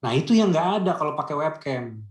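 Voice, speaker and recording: A man's voice: a little high, very animated, brisk, reverberant. A man speaking as a guest on a radio-industry video call, chatty and explaining through anecdotes and rhetorical questions. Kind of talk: casual conversational discussion.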